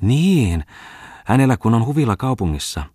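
A man's voice: sits low, darkish tone, no echo, clean studio sound. A man reading an audiobook voices a bustling, talkative farm wife who fusses eagerly over a wealthy guest. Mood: chatty. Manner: eager, fussing, hospitable. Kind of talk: audiobook character voice.

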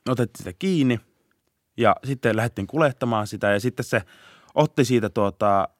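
A young man, a police officer, telling a story in a casual podcast interview, laughing often and shouting out bursts of the chase. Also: medium pitch, dry recording, clean studio sound. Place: podcast studio.

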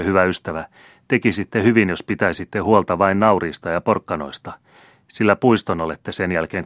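A man's voice: deep voice, a bit bright, dry recording, studio quality. A man reading an audiobook voices an arrogant, scornful young count who talks down to everyone in a careless, mocking way. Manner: haughty, mocking.

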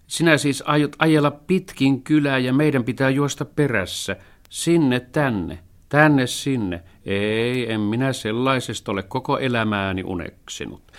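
A man voicing a thrifty, fussy male house cat who scolds and worries about money in a storybook reading. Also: close to an everyday voice. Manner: scolding, worried, high and loud.

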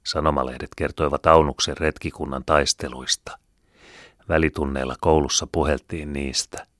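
Male audiobook narrator, extremely low voice, solemn and measured, dry close sound. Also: fairly even intonation, a bit bright, dry recording. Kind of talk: scripted first-person narration.

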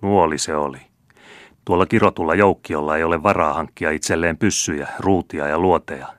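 A man voicing a gruff, harsh middle-aged bailiff who barks orders in a storybook reading. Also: rumbling low, no room sound. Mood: grim. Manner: barking orders, scornful.

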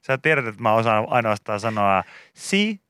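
Male radio co-host, bright dry studio voice, chatty and rambling, casual banter. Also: lowish voice, big pitch swings, clear, resonant tone, dry recording. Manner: chatty, rambling, laughs often. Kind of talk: casual morning radio chat.

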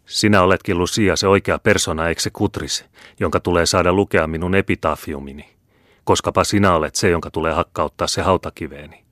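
A man's voice: low voice, fairly even intonation, fairly bright tone, dry recording, studio quality. A man reading the part of an aging, proud and irritable imprisoned scholar with grandiose outbursts. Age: older.

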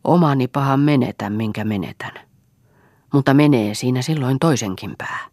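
A woman's voice: very deep voice, darkish tone, no room sound, studio quality. A woman voicing a stubborn peasant man who speaks in short, heavy, grim lines. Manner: terse, heavy, panting.

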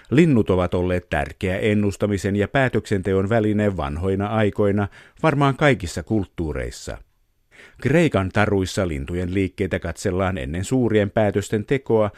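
A man hosting a radio program, narrating a scripted piece in a measured storytelling way and then interviewing a guest. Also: on the low side, darkish tone, no room sound, clean studio sound. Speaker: radio host.

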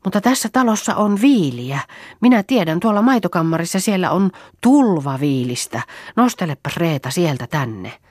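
A woman reading the part of a lively, knowing farm girl in an audiobook. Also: fairly low pitch, no room sound, studio quality, voice pushed up. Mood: chatty. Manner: lively, knowing, proverb-quoting.

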